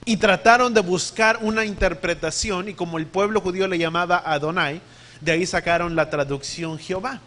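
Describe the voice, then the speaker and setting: A man's voice: high-pitched, fairly even intonation, brisk, a bit bright. A man preaching a sermon, teaching emphatically, putting questions to his listeners and spelling out words letter by letter.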